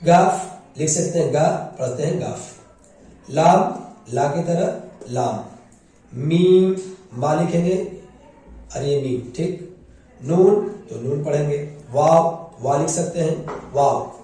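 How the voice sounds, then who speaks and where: A man teaches the alphabet letter by letter, patient and repetitive, his voice somewhat high but dark and mellow. He sounds set back from the microphone. A strong echo fills the room around him. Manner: patient, repeats each letter name slowly. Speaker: Urdu teacher. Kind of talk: spoken alphabet lesson. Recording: echoey room, mic at a distance.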